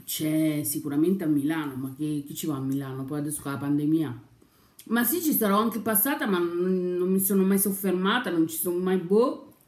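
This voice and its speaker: A woman's voice: on the low side, moderate pace, darkish tone. A young woman chatting casually on her vlog over breakfast, rambling and sometimes talking with her mouth full. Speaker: YouTuber. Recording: echoey room.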